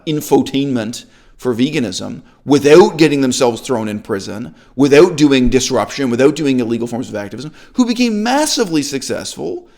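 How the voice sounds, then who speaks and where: A man giving an opinionated, sarcastic monologue as a channel host, emphatic and animated. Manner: sarcastic, emphatic, lively swings of pitch. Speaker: YouTube commentator.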